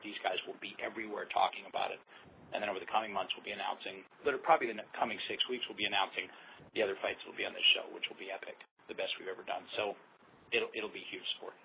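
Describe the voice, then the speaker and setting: Fast, low-voiced male promoter on phone. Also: gravelly. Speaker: fight promoter. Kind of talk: conference call promotional answers. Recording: tinny phone line, faint noise.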